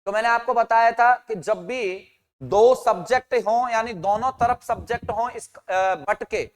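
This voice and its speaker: A man's voice: very high voice, unhurried, long reverb tail. A man teaching an English grammar class, asking his students questions and answering them himself, and calling out their names and answers. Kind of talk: online grammar lesson.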